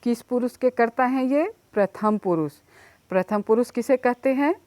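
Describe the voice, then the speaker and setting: A woman's voice: a little high, a little mellow, no room sound. A woman teacher giving a children's Sanskrit lesson, repeating words and their meanings one by one for the class to copy. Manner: slow repeated word-by-word pronunciation drills.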